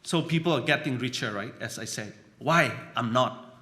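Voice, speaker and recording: A man's voice: mid-range voice, normal speed, pushed and bright. A man from Burma, preaching a conversational sermon that he keeps checking in on with "you know" and "right?".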